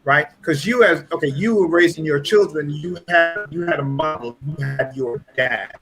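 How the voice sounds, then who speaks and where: A man's voice: a little high, moderate pace, over music, low-quality recording. A man from Trinidad with a Trinidadian accent, a pastor and guest, telling his story in an earnest, reflective way. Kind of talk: casual chat.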